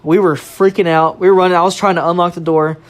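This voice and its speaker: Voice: mid-range voice, fast talker. Young adult swearing through a spooky story. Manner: animated, swears freely, laughs while telling. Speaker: podcast storyteller. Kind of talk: casual chat, telling a ghost story.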